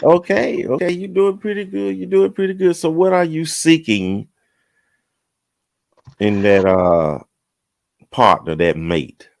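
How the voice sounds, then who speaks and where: A man hosting a dating show, encouraging his guest with steady "mm-hmm"s and questions. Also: on the high side, takes it slowly, creaky, pauses often, no room sound, studio quality. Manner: encouraging, frequent "mm-hmm" backchannels. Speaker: host. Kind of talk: interviewing a guest.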